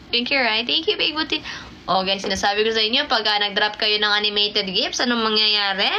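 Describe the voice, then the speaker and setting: A woman's voice: medium pitch, expressive, moderate pace, bright, forceful tone, dull audio, a little hiss or hum. A woman from the Philippines hosting a casual phone livestream, playful and teasing, often breaking into laughter. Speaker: livestream host. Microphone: phone mic.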